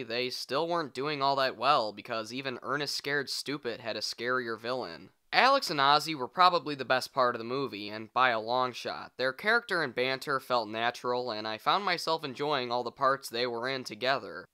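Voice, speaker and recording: A man delivers a scripted film review with blunt sarcasm and casual swearing. His voice is bright and crisp, sitting at an average pitch. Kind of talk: scripted comedic review narration.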